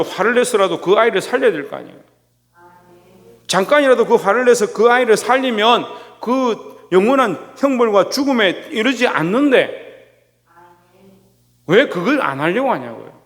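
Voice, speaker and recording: Male pastor, higher-pitched voice, preaching; rhetorical questions, long church reverb. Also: a bit bright. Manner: rhetorical questions, calls on listeners by name. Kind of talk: sermon. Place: church sanctuary.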